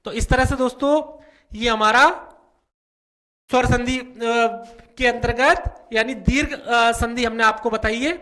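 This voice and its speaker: Man, North Indian Hindi accent, teaching grammar, slow pace, high voice, repeats every step. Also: steady tone, pushed and bright. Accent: Hindi-speaking North Indian. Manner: slow, repetitive explaining with frequent "ठीक है". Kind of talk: whiteboard grammar lesson.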